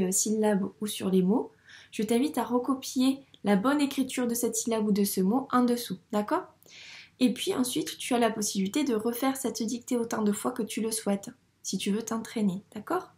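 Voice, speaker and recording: A woman teaching young children a dictation, patiently spelling out sounds and syllables clearly for a child. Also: a little high, normal speed, warm tone. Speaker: primary school teacher. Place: room with a whiteboard. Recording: echoey room.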